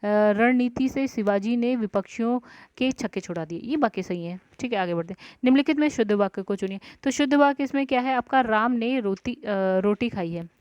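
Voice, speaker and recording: Fairly quick and a little high, this woman's voice is clear, resonant and slightly mellow. She reasons aloud through the answers of an exam-prep grammar lesson, regularly checking in with "ठीक है" and "guys", in a dry, dull lo-fi recording free of room sound.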